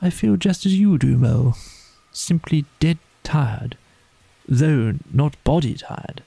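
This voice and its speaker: Man as a languid water rat, storybook character, poetic, rapt, murmuring, very slow, gravelly. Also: on the high side, animated, mellow, dry recording, pitched above the performer's own voice, exaggerated voice. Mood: sleepy contentment.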